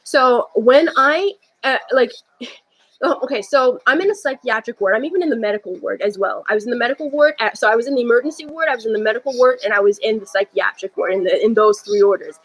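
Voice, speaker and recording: A woman's voice: fairly high pitch, fast, poor audio. A young woman talking to camera in an unscripted personal monologue, rambling with many restarts and fillers. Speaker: vlogger.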